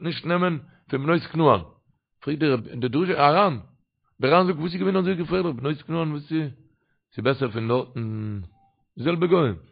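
A man telling religious stories in a sermon, lively and rising sharply in pitch whenever he quotes someone. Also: gravelly. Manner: animated, rising sharply when quoting others. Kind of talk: storytelling sermon. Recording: dull lo-fi recording.

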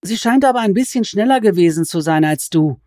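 A woman voicing a defiant young heroine who answers a goblin with sharp, scornful retorts. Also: medium pitch, lively intonation, a little fast, dry recording, studio quality, pitched above the performer's own voice, close to an everyday voice.

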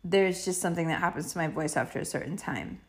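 A woman with a croaky frog-in-the-throat late-night voice, hosting a podcast as a rambling, slangy, casual solo chat. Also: lowish voice, fast talker. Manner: slangy, swearing, playful. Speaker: podcast host.

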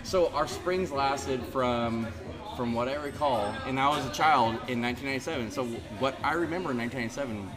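A little fast and medium in pitch, a podcast guest in his thirties chats casually at a bar, music behind him. Originally from Central California, he rambles loosely from one point to another.

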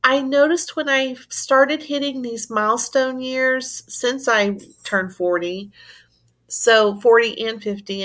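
A woman's voice: on the high side, fairly bright tone. A woman who turned fifty, hosting a casual conversation and talking thoughtfully in long, flowing sentences. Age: 50s.

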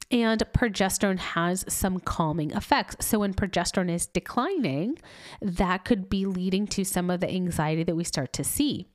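A woman's voice: mid-range voice, dry recording, studio quality. A middle-aged woman, a doctor, giving a chatty health talk while sounding congested and nasal, with asides and laughs. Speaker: doctor and health podcast host.

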